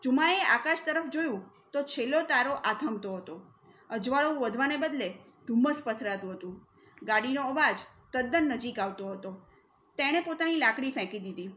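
A woman teacher reading a story aloud for a class and then explaining it, acting out the characters' shouts with feeling. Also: sits high, lively intonation, normal speed.

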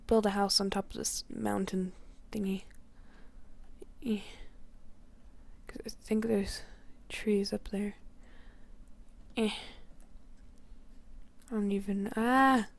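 A young woman with a hoarse voice from a cold, rambling through casual gameplay commentary and often dropping to a whisper. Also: mid-range voice, a little mellow, no echo. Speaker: gaming channel host.

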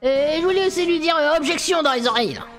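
A woman's voice: sits high, expressive, quick pace, soft background music. A woman voicing a rude, grumbling old male craftsman in a video game playthrough. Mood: ranting.

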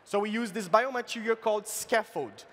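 A man giving a playful comic science talk on stage, halting often and filling pauses as he explains. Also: high-pitched, a bit bright. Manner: playful, halting, with many fillers and restarts. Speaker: science slam presenter. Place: large event stage, indoors. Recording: reverberant live event hall.

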